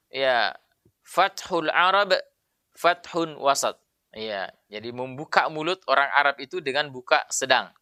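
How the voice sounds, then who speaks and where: Man teaching tajwid in a bright, clear voice. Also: medium pitch, no echo, studio quality. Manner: patient, repetitive explaining, demonstrating letter sounds aloud. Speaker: Quran recitation teacher. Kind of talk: tajwid lesson with spoken demonstrations.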